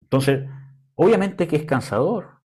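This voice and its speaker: A young man preaching a sermon in a conversational way, often pausing with fillers. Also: a little high, expressive, mellow, slightly rough. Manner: conversational preaching, frequent "¿cómo se llama?" fillers.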